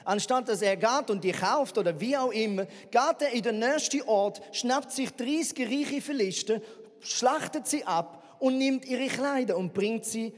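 A man, preaching a sermon as a lively, sarcastic Bible retelling full of rhetorical questions. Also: extremely high pitch, a little slow. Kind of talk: sermon storytelling. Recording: reverberant hall.

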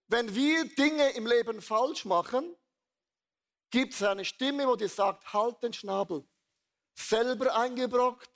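A pastor preaching a sermon, telling stories in a lively, blunt and earthy way. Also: male voice, extremely high pitch.

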